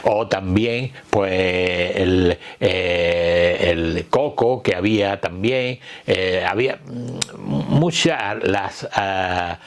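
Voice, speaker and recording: Older guy from malaga, andalusian accent, kinda low voice, chatty history talk, stops and repeats words a lot. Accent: Andalusian, from Málaga. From Málaga, Spain. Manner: halting, searching for words with repetitions. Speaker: speaker on local history. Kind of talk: informal talk recalling old street vendors.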